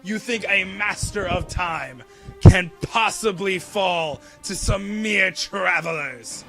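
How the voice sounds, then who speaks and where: A man game master voicing a boastful villainous sorcerer in a booming, loud, slow voice. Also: faint music behind, full character voice, rough recording. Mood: boastful, menacing.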